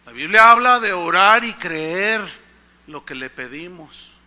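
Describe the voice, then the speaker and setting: A Mexican-accented pastor with a high, very bright, forceful voice. He preaches in a conversational storytelling style and often asks the congregation questions. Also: expressive, a little slow. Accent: Mexican Spanish. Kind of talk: storytelling sermon.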